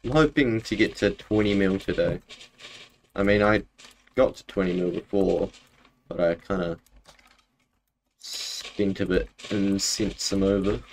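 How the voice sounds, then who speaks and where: A young man with a broad New Zealand accent chats on a gaming livestream, his low voice a little slow and full of pauses as he rambles in a laid-back, slangy way. The recording is low quality, with clear background noise and the sound of keyboard typing and mouse clicks.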